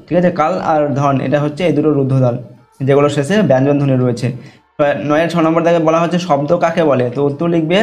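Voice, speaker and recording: A man's voice: a little high, steady tone, quick pace, a little mellow. A male teacher, working through exam questions and dictating the answers, often checking whether the class is following.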